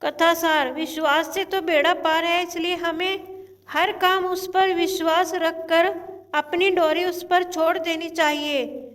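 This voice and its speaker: A woman narrating a devotional story at a slow, even storytelling pace. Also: very high-pitched, recorded from a distance.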